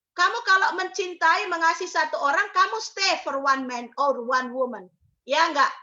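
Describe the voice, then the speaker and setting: Woman preacher, really high voice, emphatic, keeps asking the crowd questions, kinda muffled lo-fi audio. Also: sharp tone. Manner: emphatic, asks rhetorical questions, mixes in English phrases. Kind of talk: sermon.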